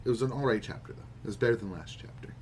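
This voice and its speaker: Talking very fast in a lowish, slightly mellow and husky voice, this man co-hosts a podcast about manga. He's opinionated and musing in a casual way, swearing plenty as he goes.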